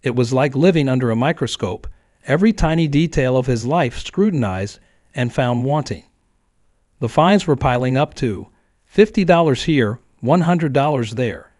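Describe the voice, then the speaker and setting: A man reading a scripted neighborhood story in a steady, even storytelling manner. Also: medium pitch, no echo, clean studio sound. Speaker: narrator.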